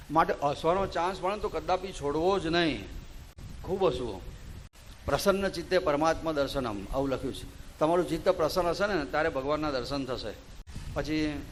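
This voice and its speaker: Higher-pitched Gujarati man giving a devotional talk. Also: slight background noise. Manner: solemn invocation opening, then conversational storytelling. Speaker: religious discourse speaker. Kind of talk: devotional discourse on a hymn. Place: devotional gathering before devotees.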